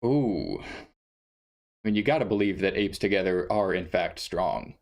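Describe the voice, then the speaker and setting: Male esports caster, gravelly low voice, lively intonation, casual and wry. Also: normal speed. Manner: easygoing, wry. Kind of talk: casual pre-show chat while fixing stream audio. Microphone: desk mic at a streaming setup.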